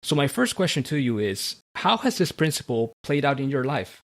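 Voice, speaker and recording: A man from Central America, hosting a podcast in a measured, read-aloud manner. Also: medium pitch, sing-song. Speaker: podcast host. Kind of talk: scripted podcast monologue and interview.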